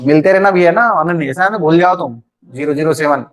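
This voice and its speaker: A middle-aged male math teacher, running an online lesson. His voice sits high for a man, and he keeps up a chatty, teasing banter with his students between the formulas. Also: a little fast. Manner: joking, chatty, teases students by name. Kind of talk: online class lecture.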